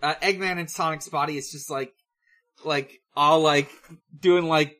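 A podcast co-host recapping episodes in casual chat, with a bright, forward voice. They speak slowly and haltingly, full of pauses and restarts. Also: medium pitch, fairly even intonation.

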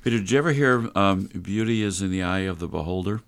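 A man's voice: deep voice, lively intonation, quick pace, fairly bright tone, a little hiss or hum. A man hosting a conversational radio advice show, speaking instructively and straight to the listeners. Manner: instructive, addresses listeners directly.

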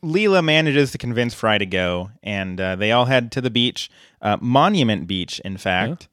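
A man's voice: mid-range voice, lively intonation, moderate pace, a bit bright, dry recording, studio quality. A man co-hosting a podcast, recapping a cartoon episode in casual chat with fillers. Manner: chatty and matter-of-fact, with fillers.

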